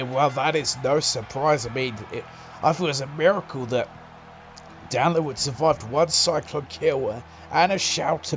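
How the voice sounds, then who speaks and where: A man doing excitable play-by-play wrestling commentary, breaking into loud exclamations. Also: medium pitch, slight background noise.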